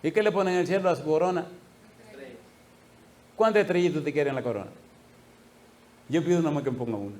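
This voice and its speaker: A male pastor preaching a sermon, telling a story with lively laughter and acted-out voices. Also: fairly high pitch, quick pace, long pauses. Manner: animated, laughing, acting out quoted voices.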